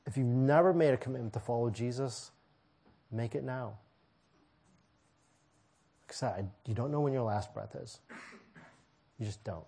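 A man's voice: medium pitch, normal speed, long pauses, dark tone, husky. A man preaching a sermon to his congregation in a church, pleading and emphatic, driving points home with repeated phrases. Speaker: pastor.

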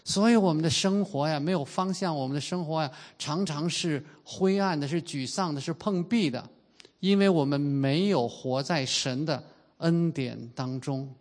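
A man in his fifties, from China, delivers an earnest sermon in a voice a little higher than most men's. He slows right down and draws out the key phrases. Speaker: pastor.

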